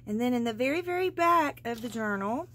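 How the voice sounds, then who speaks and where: Speaking a little fast in a fairly high, lively voice with a bright tone, a woman flips through her handmade journal as a craft seller, chatting and gushing with plenty of fillers. She's off-screen at an indoor craft table, recorded by an overhead camera, with slight background noise.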